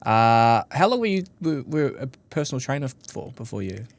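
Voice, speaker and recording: A man hosting a podcast interview, relaxed and chatty, dropping lots of "yeah" and "you know". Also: medium pitch, normal speed, vocal fry, no room sound. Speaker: podcast host. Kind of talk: casual interview chat.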